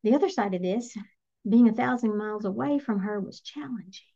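A middle-aged woman, a spiritual energy coach, telling a personal story in an earnest, reflective, softly emotional way. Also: mid-range voice, fairly quick, creaky. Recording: slightly muffled lo-fi recording.

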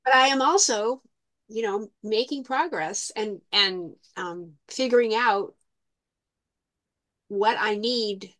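A woman's voice: medium pitch, slow pace, long pauses, fairly bright tone, no room sound. A woman chatting casually about her own life as a coaching client, hesitant and reflective as she thinks aloud. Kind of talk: casual personal conversation.

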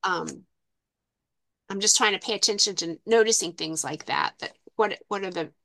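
A woman's voice: medium pitch, moderate pace, creaky, fairly bright tone, no room sound. A woman chatting casually about her own life as a coaching client, hesitant and reflective as she thinks aloud. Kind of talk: casual personal conversation.

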